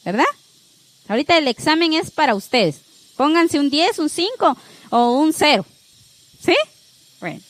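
This time her high voice is animated but unhurried, with long pauses, as she addresses the class directly with warm coaching and keeps checking in with "¿sí?". Her lesson closes spiritually, and the audio quality is poor.

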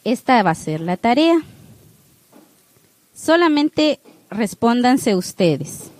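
A woman's voice: a little high, sing-song, takes it slowly, no room sound, low-quality recording. A woman teaching an online class, speaking straight to her listeners and checking in with "¿sí?" again and again. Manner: checks in with the listeners by asking "¿sí?" over and over; speaks straight to the audience with warm, coaching encouragement. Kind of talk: instructive talk to a class with a spiritual close.

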